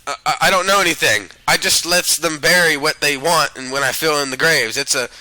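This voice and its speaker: A shifty gravekeeper, as a man puts him on pleads and stammers in broken grammar. He talks a little higher and quicker than usual, with a bright, dry tone. He sounds eager to please. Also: no room sound, poor audio. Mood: nervous. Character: nervous, shifty male gravekeeper.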